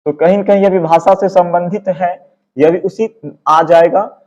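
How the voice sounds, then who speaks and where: A man's voice: high voice, steady tone, measured pace, darkish tone, dull audio. A male teacher with a Hindi accent from Bihar, explaining exam answers and posing questions he then answers himself. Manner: explanatory, asks and answers his own questions.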